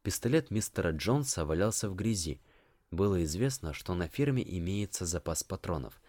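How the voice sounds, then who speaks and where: A man reading an audiobook, narrating a story in a measured, storytelling manner. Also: sits low, animated, a little mellow, no room sound, clean studio sound. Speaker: audiobook reader.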